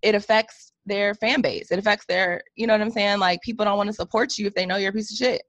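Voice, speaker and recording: A woman's voice: medium pitch, fairly even intonation, fast, a bit bright, no echo. Outspoken woman co-host, blunt, swears freely, dry close sound. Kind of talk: casual chat.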